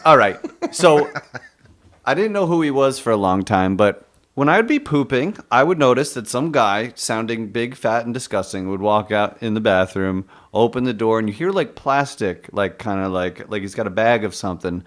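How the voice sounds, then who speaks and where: Guy hosting a podcast, swoopy lively voice, crude jokey stories, laughs a lot. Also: fairly low pitch, normal speed. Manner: animated, laughing, crude storytelling. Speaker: podcast host. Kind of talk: casual podcast chat.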